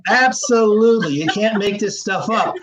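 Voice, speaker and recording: A man, a historian and genealogist, explaining history over slides in an interview, measured and explanatory with frequent fillers. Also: high-pitched, fairly bright tone, low-quality recording.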